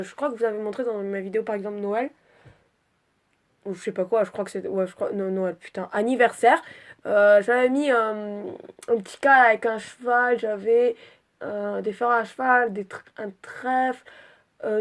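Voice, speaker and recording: A woman talking casually through her drawings in a rambling vlog, swearing freely and sounding stuffy from a cold. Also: on the high side. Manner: chatty and scattered, swears freely. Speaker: vlogger presenting her character drawings.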